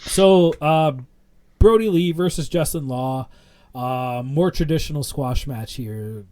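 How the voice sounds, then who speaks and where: A man's voice: a little high, slow pace, a little mellow. A young man co-hosting a podcast, rambling through a casual wrestling recap with lots of fillers. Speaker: podcast co-host.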